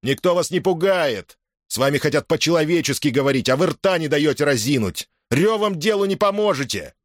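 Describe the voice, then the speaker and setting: A man reading an audiobook, voicing a fiery young frontline soldier who addresses a crowd with loud, forceful oratory. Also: fairly high pitch, lively intonation, a little fast, no room sound, studio quality, voice pushed up, natural voice. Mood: defiant.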